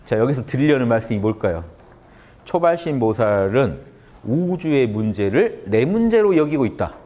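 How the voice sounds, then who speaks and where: A man lectures a live audience on Buddhist teachings, and his pitch swings up and down a lot as he speaks. He keeps turning to his listeners with questions. His voice sits at an average pitch for a man. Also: normal speed. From Korea. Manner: animated, asks the audience questions.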